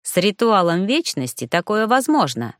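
A woman's voice: medium pitch, sing-song, moderate pace, no echo, clean studio sound, lightly acted. A woman reading the part of a scheming male sorcerer villain, drawling and coldly mocking.

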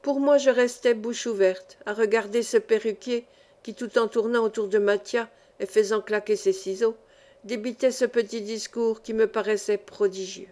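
Calm woman narrating a novel. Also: a little high. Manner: calm, measured storytelling. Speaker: audiobook reader. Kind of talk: scripted narration of a classic novel.

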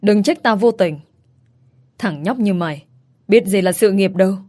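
A woman's voice: mid-range voice, unhurried, a little mellow, lightly acted. Woman reading a cold scheming young man. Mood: threatening. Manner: cold and contemptuous.

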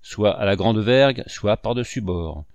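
A man voicing a scheming old pirate captain who talks in a gruff, commanding and threatening way, for a read-aloud novel. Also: lowish voice, lively intonation, a little slow, no echo.

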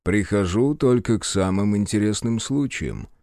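A man voicing a secretive male hacker who watches patients, speaking calmly, politely and slowly. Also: on the low side, no room sound, studio quality. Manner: calm, measured, polite.

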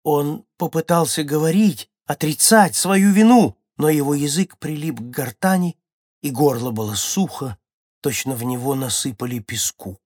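A man reading a story aloud for a children's audiobook, with dramatic swings between loud passages and hushed ones. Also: medium pitch, normal speed, no echo, studio quality. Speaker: audiobook narrator.

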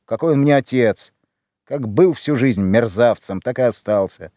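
Guy playing a condemned young guy, bitter and snappy, yells in despair, audiobook story, dry close sound. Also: medium pitch, unhurried, dry recording, close to an everyday voice. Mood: desperate. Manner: sharp, shouting. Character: young condemned man, bitter, desperate, irritable.

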